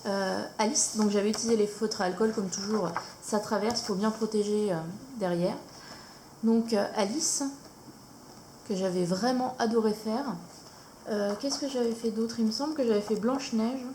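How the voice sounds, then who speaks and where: A woman vlogger casually showing her coloring books, hesitant with many fillers and pauses. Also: mid-range voice, steady tone, warm tone. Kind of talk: casual show-and-tell chat. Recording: echoey room, faint noise.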